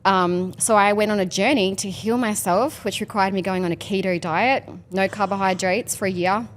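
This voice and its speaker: A woman's voice: mid-range voice, fairly even intonation, moderate pace. A woman in her thirties talking candidly as a podcast guest, rambling with many fillers in casual chat. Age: 30s.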